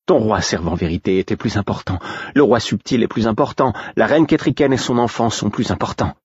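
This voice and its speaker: A man's voice: low-pitched, normal speed, husky, no room sound. A man voicing a proud, angry young woman. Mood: exasperated. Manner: curt, cutting replies. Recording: dull, dry recording.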